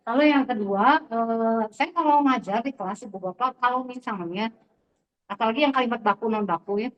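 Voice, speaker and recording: A middle-aged Sundanese woman teacher sharing classroom anecdotes in a lively storytelling way, acting out the dialogue. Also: mid-range voice. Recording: distant, dull recording.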